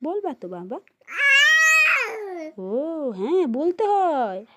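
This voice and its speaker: Young woman, mother, baby talk, sing-song coaxing questions, slow, loud background noise. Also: high voice, very animated. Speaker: mother and lifestyle vlogger. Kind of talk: baby talk to her infant son.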